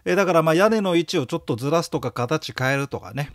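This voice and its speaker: A man's voice: on the high side, lively intonation, quick pace, fairly bright tone, dry recording, clean studio sound. A man giving a recorded audio lecture for exam prep, talking casually, joking and leading rhythmic memory chants.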